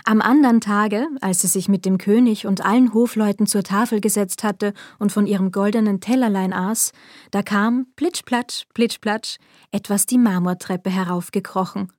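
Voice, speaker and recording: A woman reading a fairy tale aloud in calm, measured phrases. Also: medium pitch, no room sound, studio quality. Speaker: narrator.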